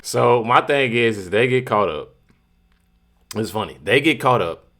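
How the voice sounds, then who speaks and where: A man's voice: medium pitch, animated, a little slow, fairly bright tone, a little hiss or hum. A man hosting a reaction channel, talking casually and emphatically with many fillers and repeats. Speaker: commentary channel host.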